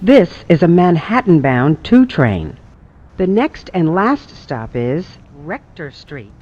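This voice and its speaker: A man giving a recorded train announcement over an onboard loudspeaker, slow, measured and formal. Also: on the high side, sing-song. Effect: played over a train loudspeaker. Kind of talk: automated subway announcement. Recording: muffled lo-fi loudspeaker, faint hum.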